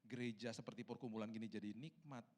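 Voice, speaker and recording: A man in his forties preaching a sermon as pastor in a large church, telling stories and swinging between soft, hushed passages and loud, soaring ones. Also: medium pitch, steady tone, quick pace.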